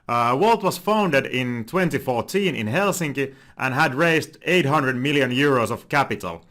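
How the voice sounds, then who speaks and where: A man's voice: mid-range voice, animated, moderate pace, fairly bright tone. A young Finnish man with a Finnish accent hosting a casual finance commentary video, talking with frequent "uh"s and self-corrections. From Finland. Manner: many filler "uh"s and restarts. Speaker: finance channel host.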